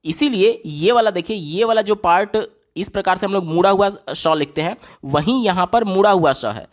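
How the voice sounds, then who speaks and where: A man's voice: sits high, moderate pace. A man explaining exam questions step by step as a teacher, often asking a question aloud and then answering it himself. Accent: Hindi. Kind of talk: explaining lesson on screen.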